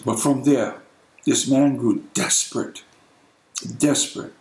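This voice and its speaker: A man's voice: medium pitch, fairly even intonation, takes it slowly, a little mellow, roomy sound, rough recording. A middle-aged male pastor preaching an impassioned, emphatic sermon.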